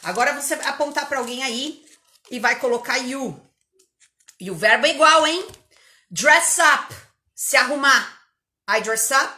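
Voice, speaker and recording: A woman English teacher with an interior São Paulo accent, giving an energetic live online lesson and drilling words over and over. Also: high-pitched, measured pace, long pauses, echoey room. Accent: interior São Paulo Portuguese.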